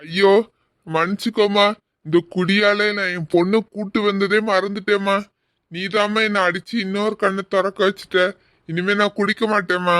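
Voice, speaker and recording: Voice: mid-range voice, little pitch movement, moderate pace, a bit bright, natural voice. A performer voicing a comic, boastful drunk middle-aged father in a cartoon. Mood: apologetic.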